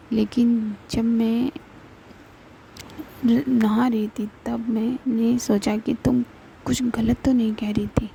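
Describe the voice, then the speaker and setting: A woman voicing a brisk, impatient but tender young woman in a read-aloud love story, in a flat, gravelly voice. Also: a little high, a little hiss or hum, low-quality recording.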